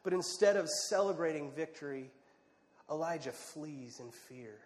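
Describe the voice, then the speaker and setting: A man preaching a sermon, telling a story with drama and dropping to a hush at quiet moments. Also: a little high, animated, normal speed. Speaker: pastor. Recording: long reverb of a large hall.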